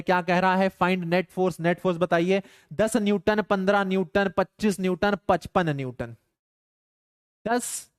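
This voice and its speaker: A man's voice: high voice, clear, resonant tone, no room sound, clean studio sound. A young man teaching physics in a live online class, mixing stern banter with his students into worked problems. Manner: playful, scolding students in banter.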